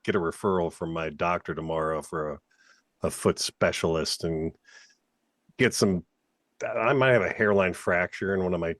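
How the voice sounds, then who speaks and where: A man's voice: deep voice, moderate pace, a bit bright, dry recording, studio quality. A man chatting casually as a podcast co-host, rambling and joking at his own expense with some swearing. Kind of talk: casual chat.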